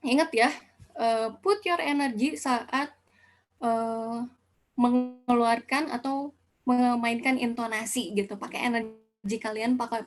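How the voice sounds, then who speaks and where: A woman's voice: fairly high pitch, steady tone, takes it slowly. Chatty young woman teaching public speaking. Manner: casual teaching tone, mixes English phrases, many fillers. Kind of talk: online workshop talk. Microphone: video call.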